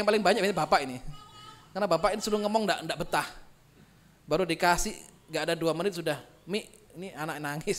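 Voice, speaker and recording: A preacher with a high voice, delivering a Quran commentary lecture to a live audience. He recites each verse slowly and then explains it in plain speech. His delivery swings sharply between loud, emphatic declarations and quiet, low asides. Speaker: Islamic preacher.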